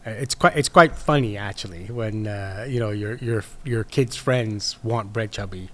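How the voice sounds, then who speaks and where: A man's voice: lowish voice, normal speed, a bit bright. A man, a podcast guest chatting casually and explaining his baking with many fillers. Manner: rambling, explanatory, lots of fillers. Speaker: podcast guest, sourdough baker.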